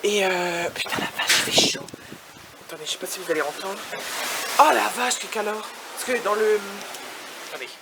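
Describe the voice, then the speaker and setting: Vlogging from a hotel room, a woman chats and rambles briskly in a lowish voice, mixing in English words and sometimes lowering her voice to a whisper. Heavy background noise fills the recording.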